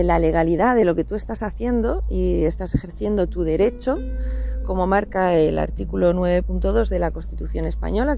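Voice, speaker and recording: A woman's voice: mid-range voice, mellow. A woman from earnestly explaining legal rights, tagging her points with rhetorical questions. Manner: earnest, many rhetorical "¿no?" tags. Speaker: channel host. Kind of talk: explanatory talk to camera.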